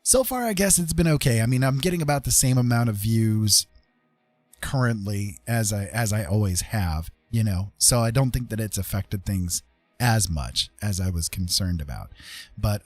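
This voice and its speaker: With a mid-range voice and no room sound, the middle-aged host of an art tutorial stream chats casually with his live chat, rambling along and making self-deprecating jokes.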